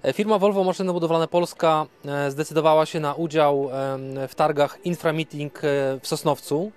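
A man's voice: on the high side, steady tone, moderate pace, music in the background. A man in his thirties speaking as a company representative in an outdoor trade fair interview, hesitant with many fillers and restarts, into a handheld mic. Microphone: handheld reporter mic.

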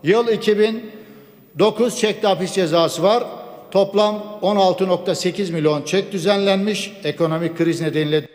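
A man addresses a large chamber from the rostrum microphone, his slightly raised voice carrying a long hall echo. He speaks in a measured, formal way, piling up laws, dates and statistics. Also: high voice, darkish tone. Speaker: member of parliament. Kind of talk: formal parliamentary speech.

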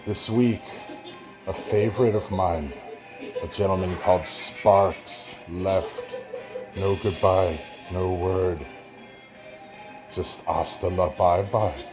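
Over mallet and xylophone music, a deep-voiced man with a steady tone plays Uncle Vlad, a sinister vampire who hosts a show. He sounds sly and theatrical, pontificating slowly and menacingly with drawn-out words and cackling laughs between lines. The audio quality is poor.

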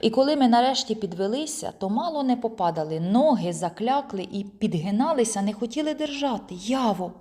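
A woman reading a children's audiobook aloud in an expressive first-person storytelling manner. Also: a little high, brisk, few pauses. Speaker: audiobook reader. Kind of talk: storytelling narration.

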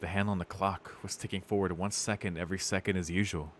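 This streamer talks fast in a low, steady voice, with slight background noise in the recording. He reads a visual novel out loud, breaking off for casual, profane asides, let's-play fashion, over game music.

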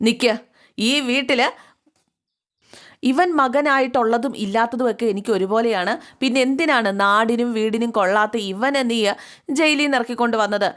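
A woman's voice: a little high, moderate pace, fairly bright tone, natural voice. A woman voicing a stern old schoolmaster father. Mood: stern, scornful. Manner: scornful, unbending.

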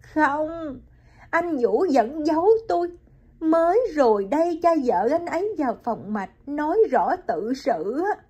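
A woman's voice: expressive, measured pace, mellow, highs cut off. A woman voicing a heartbroken young mother in an audiobook, speaking in a choked, pleading way. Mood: distraught. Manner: choked, pleading and high-pitched.

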